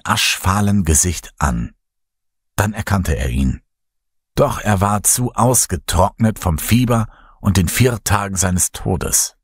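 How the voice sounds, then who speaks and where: A man reading a horror story as narrator, in a measured, dramatic telling. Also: low voice, slightly rough, no echo, studio quality. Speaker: audiobook narrator.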